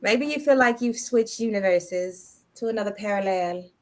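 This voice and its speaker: A woman's voice: medium pitch, moderate pace, over a noisy crowd. A woman hosting a podcast in loose, playful chat, slangy and swearing freely. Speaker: podcast host.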